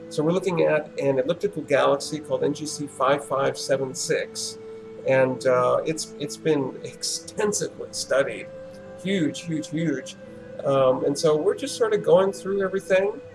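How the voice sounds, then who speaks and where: A man hosting a casual livestream, thinking aloud in a relaxed, musing way with many fillers. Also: a little high, gravelly, poor audio. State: relaxed and yawning. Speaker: livestream host.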